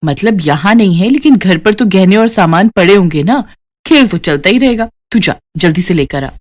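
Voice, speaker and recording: A woman's voice: medium pitch, expressive, normal speed, close to an everyday voice. A woman voicing scheming female gambling friends in a cartoon story, coaxing and cajoling.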